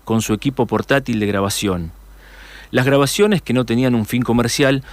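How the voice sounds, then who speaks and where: A man with an Argentine accent reading a scripted documentary narration for university radio in a measured way, with a few small restarts. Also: mid-range voice, no echo. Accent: Argentine Spanish. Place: radio studio.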